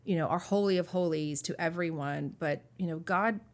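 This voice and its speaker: A woman with a fairly low voice tells her story as a guest in a faith interview. She speaks earnestly and haltingly, restarting her sentences often and leaning on fillers as she works through painful memories. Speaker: guest sharing her testimony.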